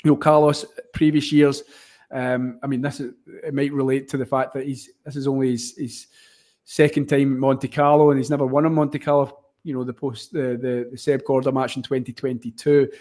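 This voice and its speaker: A man's voice: medium pitch, level tone, normal speed, a little mellow. Broad Scottish man commentating on tennis. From Scotland. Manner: hesitant, wordy, often rewording mid-sentence. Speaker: watchalong stream host and commentator. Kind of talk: casual live tennis commentary and chat.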